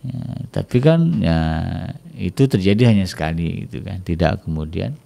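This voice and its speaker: Gravelly low-voiced man giving family advice. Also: sing-song, normal speed, warm tone. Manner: chatty, peppers speech with "ya", acts out quoted complaints in a raised voice. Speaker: Islamic family speaker. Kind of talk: casual religious advice talk.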